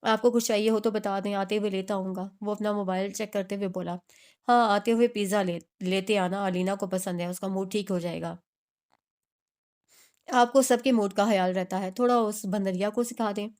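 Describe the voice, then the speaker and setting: A woman's voice: medium pitch, steady tone, normal speed, a little mellow, smooth. A woman narrating a romance novel, reading all the characters' dialogue in a near-plain voice with small restarts. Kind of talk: scripted audiobook narration.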